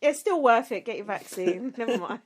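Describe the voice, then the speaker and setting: A woman's voice: on the high side, expressive, moderate pace, a little hiss or hum. A woman in her forties co-hosting a podcast in casual chat, blunt and laughing, swearing freely, on a remote call mic. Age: 40s. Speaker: podcast co-host.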